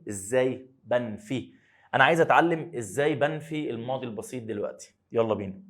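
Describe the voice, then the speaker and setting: A man with an Egyptian Arabic accent teaches English grammar to high school students. He asks questions and then answers them himself, slowing down to spell out the English words.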